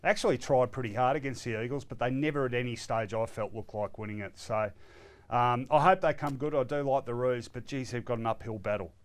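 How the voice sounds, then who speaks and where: A middle-aged Australian man co-hosting a football chat show, relaxed and conversational. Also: mid-range voice, fairly quick. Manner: relaxed, conversational, easy laugh. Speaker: co-host. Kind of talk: casual sports chat.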